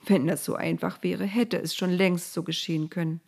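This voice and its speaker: A woman's voice: fairly even intonation, moderate pace, vocal fry, husky. A woman reading a storybook aloud, voicing Moses as an anxious, reluctant shepherd who keeps interrupting in an agitated way. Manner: agitated, interrupting, higher and louder than the narration.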